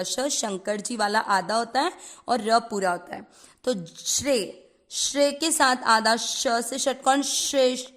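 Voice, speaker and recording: Brief: woman, recitation teacher, high voice, slow and patient, syllable by syllable, some English words mixed in. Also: fairly bright tone. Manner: breaks words into syllables, then chants them slowly; mixes English words into Hindi. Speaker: Sanskrit pronunciation teacher.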